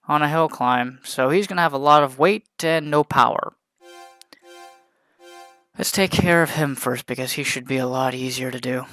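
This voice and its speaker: Guy rambling thru a racing game playthrough, medium voice, loud game music behind him. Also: mid-range voice, clean tone, no echo. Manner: rambling, self-correcting, apologetic asides. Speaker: gaming channel host. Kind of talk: unscripted gameplay commentary. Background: racing game music and engine sounds.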